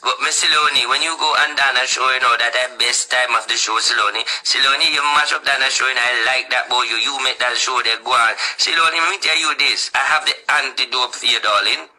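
A man's voice: mid-range voice, a little fast, few pauses, bright, forceful tone, rough recording. A man with a Jamaican accent, rambling through casual vlog commentary and talking straight to the people he discusses. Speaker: vlogger.

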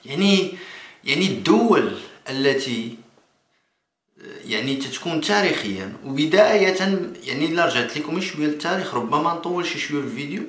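A man in his thirties with a Moroccan accent, giving spontaneous political commentary to camera in a halting way, repeating and restarting phrases. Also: on the high side, lively intonation, a bit bright. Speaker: political vlogger. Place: small indoor room. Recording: echoey room.

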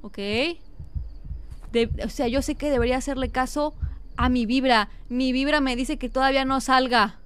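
A young woman with a Mexican accent, commenting on a game as she plays, dramatic and panicky, often shouting at the screen. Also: high voice, steady tone, normal speed, clear, resonant tone. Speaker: gaming streamer. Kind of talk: live gameplay commentary.

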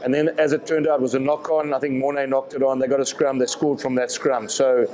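A man, answering reporters' questions at a post-match press conference in a measured way, often repeating words as he thinks. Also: medium pitch, level tone, darkish tone, low-quality recording. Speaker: rugby director of rugby.

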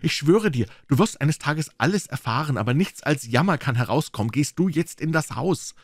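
A man's voice: on the high side, very animated, fast talker, dry recording, studio quality, voice pushed up. A man voicing a frightened pleading young wife. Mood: desperate pleading. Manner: pleading, breathless and urgent. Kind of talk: audiobook character voice.

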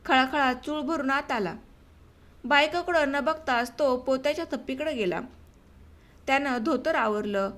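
A woman reads a short story aloud for an audiobook in a steady, measured manner. Her voice sits high, and she carries the narration calmly from line to line.

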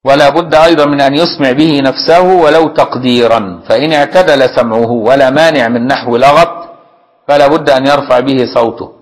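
Egyptian sheikh explaining a legal text. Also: male voice, mid-range voice, steady tone, fairly quick, rough recording. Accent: Egyptian Arabic. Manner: explains plainly, often asks listeners if it is clear; reads a classical text, then glosses it in colloquial speech. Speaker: Islamic jurisprudence teacher. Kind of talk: religious lesson.

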